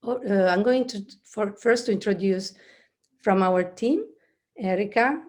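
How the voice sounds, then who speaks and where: A middle-aged woman welcomes attendees from an indoor office on a webcam call. She is friendly and a little hesitant, with fillers and restarts, and her pitch sits in an ordinary middle range. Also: measured pace, a little mellow. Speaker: webinar host. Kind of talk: webinar hosting. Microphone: webcam on a video call.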